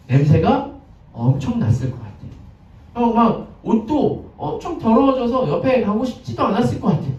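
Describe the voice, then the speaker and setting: A man's voice: sits high, mellow. A male pastor giving a conversational sermon, chatting with the congregation and putting questions to them. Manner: chatty, asks the congregation questions, acts out scenes. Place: church sanctuary. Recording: echoey, distant, dull lo-fi sound.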